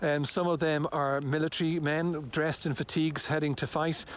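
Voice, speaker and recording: A man's voice: a little high, little pitch movement, moderate pace. A male news reporter giving a live field report from outdoors at a border checkpoint, descriptive and sombre.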